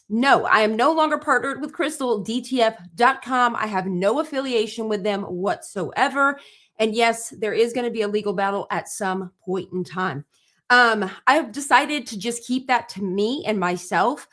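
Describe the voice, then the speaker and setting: A middle-aged woman chats live with her viewers in a bubbly, gushing way, addressing them directly. She is running on almost no sleep, yet keeps her slightly high voice upbeat. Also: fairly bright tone. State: tired from little sleep. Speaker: livestream host and small business owner. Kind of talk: casual live stream chat.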